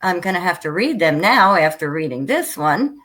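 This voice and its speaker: A woman's voice: fairly low pitch, sing-song, moderate pace, fairly bright tone. An American woman hosting a casual interview over a video call, bubbly and rambling, laughing often as she talks. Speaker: host.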